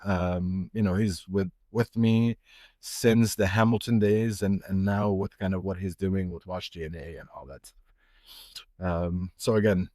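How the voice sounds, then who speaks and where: Man, middle-aged, from Egypt, watch retailer, podcast guest, halting, filler-heavy, low voice, dry sound. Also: steady tone, mellow, dry recording. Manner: halting, many fillers and restarts. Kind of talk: casual podcast interview.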